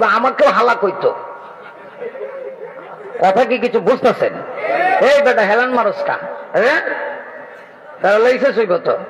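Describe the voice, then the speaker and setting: A man's voice: sits high, a bit bright, big-room sound, rough recording. A man preaching at an outdoor religious gathering, joking with the crowd and quizzing his listeners, at times rising into sing-song chanting. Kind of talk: Bengali waz sermon.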